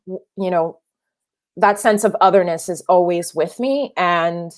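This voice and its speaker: A young adult woman, a filmmaker whose first language is French, speaks as a guest in an interview with a voice on the low side and a slightly slow pace. She answers the questions thoughtfully, with many restarts and fillers.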